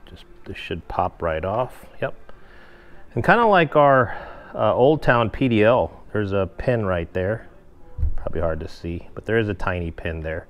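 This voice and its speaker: A kayak fishing vlogger with a fairly low, slightly slow voice gives a casual, hands-on tutorial from his garage workshop. He talks straight to viewers in a relaxed way, explaining the install one step at a time. A faint hiss or hum sits under the recording.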